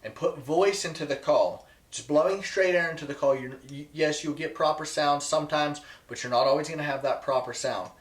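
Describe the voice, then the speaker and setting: Guy doing a how-to video, kinda higher voice, really emphasizes stuff, roomy echoey sound. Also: brisk, hardly any pauses. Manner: emphatic, repeats key points for stress. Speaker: presenter teaching goose calling. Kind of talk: instructional video talk to viewers.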